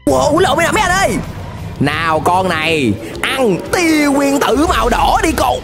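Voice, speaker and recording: Give me an excitable man, shouting out reactions with a very animated voice. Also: very high-pitched, moderate pace, creaky, music in the background. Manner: hyped, shouts often, mixes English exclamations. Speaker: YouTuber reacting to an animated series.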